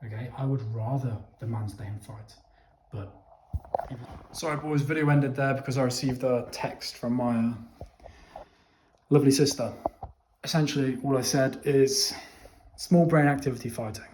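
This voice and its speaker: A young man with a mid-range, slightly mellow voice speaks at a moderate pace, pausing often, in a casual opinion monologue for his viewers. He addresses them directly, blunt and emphatic with plenty of swearing, and keeps asking "okay?". The recording is echoey and roomy, with a little hiss or hum.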